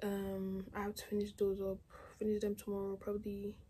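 A teenage girl films herself with a phone at arm's length in her bedroom, chatting casually about her plans and saying "like" a lot as she rambles. Her mid-range voice is monotone yet warm, with a breathy edge, and she talks fairly quickly.

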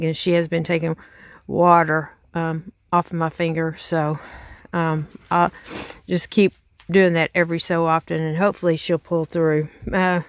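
This middle-aged woman, a farm vlogger from Texas with a Southern accent, narrates casually to her handheld phone outdoors next to a chicken pen, folksy and heavy on fillers. Her voice is lowish, with studio-quality sound and no room sound.

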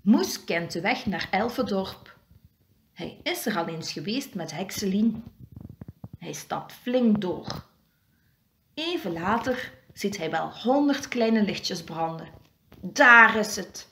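Slow, lively woman reading to kids. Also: mid-range voice, a little hiss or hum. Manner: expressive, animated storytelling. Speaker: children's story reader. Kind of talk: reading a picture book aloud.

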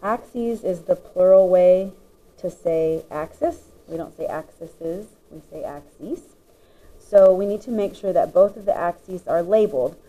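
A woman's voice: on the low side, moderate pace, narrow, tinny audio. A woman teacher patiently explaining the parts of a graph, step by step, as she writes notes. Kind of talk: classroom lesson explaining graphs.

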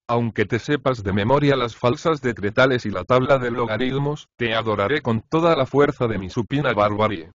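A man narrating an audiobook, reading letters from a novel in an expressive, measured first-person way. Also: mid-range voice, no room sound. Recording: slightly dull, lo-fi dry recording.

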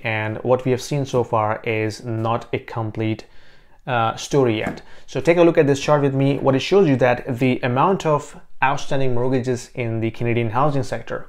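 A man in his thirties talks through the housing market to camera, in a mid-pitched voice. He is casual and thoughtful and often pauses on fillers and restarts. The sound is close and clean from a lapel mic in a small home office. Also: a little mellow. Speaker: realtor and finance vlogger.

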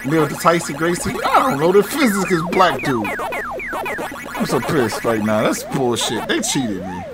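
Profane, excitable man yelling at a game. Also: on the high side, measured pace. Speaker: gaming commentator. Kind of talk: casual gameplay commentary. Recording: game music loud behind voice. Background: game music.

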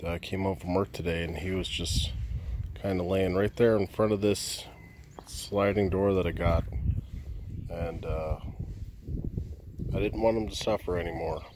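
Subdued low-voiced man, slow and halting. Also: steady tone, background noise. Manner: subdued and halting, many uh pauses. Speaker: homestead vlogger. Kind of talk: casual vlog talk. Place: outdoors in a rural backyard. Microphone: phone camera held at arm's length.

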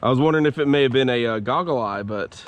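Speaking fast in a mid-range voice, a man narrates his fishing outing on a swampy creek from a kayak, recording with an action camera strapped to his head. His tone is easygoing and chatty, and he curses liberally throughout.

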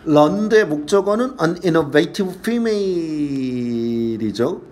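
Man, high and animated, crude classroom English teacher who reads aloud then translates. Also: very slow. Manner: blunt and crude, swearing and joking with students. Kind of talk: casual classroom lecture.

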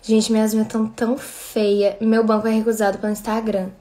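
Brazilian woman in her 30s, bit high voice, chatty, thanks viewers one by one on a phone live. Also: flat delivery, fairly quick, warm tone. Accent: Brazilian Portuguese. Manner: chatty, thanks viewers by name, mixes in Spanish. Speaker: livestream host. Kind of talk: casual livestream chat.

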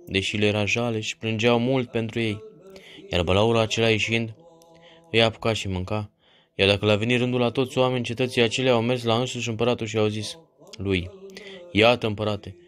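A man giving a solemn, measured devotional reading of a saint's legend. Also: on the low side. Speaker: reader of a saint's life.

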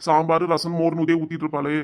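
A woman's voice: sits low, completely flat delivery, fast talker, voice pushed down, close to an everyday voice. A woman voicing a grumbling old grandfather in a cartoon, speaking with a Tirunelveli Tamil accent in a plaintive, complaining way. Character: grumbling old grandfather fond of fish curry.

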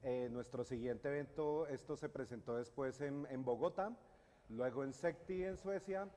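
A middle-aged Colombian man with a mid-range, dark-toned voice gives a technical conference talk at a moderate pace, hesitating with many fillers and restarts. He speaks in a university lecture hall with an audience, where the recording has hall reverb and slight background noise.

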